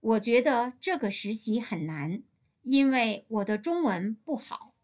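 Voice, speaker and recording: A woman with a slightly high voice reads her part in a textbook conversation. Her delivery is careful and even, like a prepared lesson recording. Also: unhurried. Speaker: dialogue reader in a language lesson. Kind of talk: scripted textbook dialogue.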